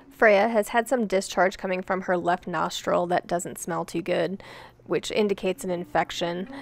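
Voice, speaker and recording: A woman's voice: fairly low pitch, creaky, a little hiss or hum. A woman, chatting casually about her rescue horses in a vlog, filmed outdoors in a paddock with a handheld camera. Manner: chatty, coos softly to the horses. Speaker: horse rescue farm owner.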